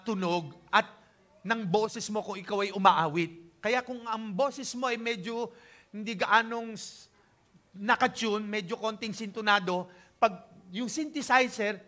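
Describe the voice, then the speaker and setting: Older Filipino man, church pastor. Chatty, informal preaching that keeps checking in with the room. Bright, high voice. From Philippines. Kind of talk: conversational sermon.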